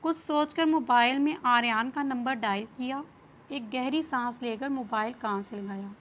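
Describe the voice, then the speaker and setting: A woman reading a novel aloud in steady scripted narration. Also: fairly high pitch, normal speed. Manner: steady storytelling read-aloud. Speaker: novel reader. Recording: dull lo-fi with faint hiss.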